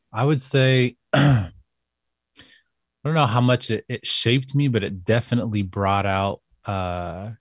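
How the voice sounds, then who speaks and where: Man, podcast guest, low pitch, dry close sound, hesitant, reflective. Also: no echo. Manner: thoughtful, hesitant, many fillers and restarts. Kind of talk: casual interview chat.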